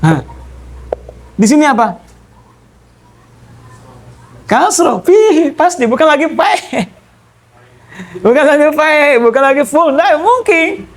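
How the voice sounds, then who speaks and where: A male teacher lectures in a classroom, going through each rule step by step. He speaks slowly and keeps checking whether his students have understood. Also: very high-pitched, sing-song. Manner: explains step by step, repeating key terms. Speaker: Arabic grammar teacher.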